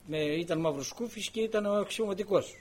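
A man's voice: high voice, a little mellow, slight background noise. An older man preaching a sermon, telling a personal story and acting out the quoted dialogue with many repeated words.

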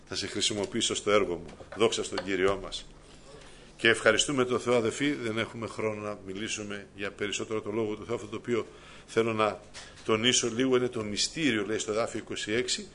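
A man's voice: fairly low pitch, slight background noise. Fervent male preacher. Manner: fervent, rising to loud emotional peaks; addresses congregation as brothers often. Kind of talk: sermon.

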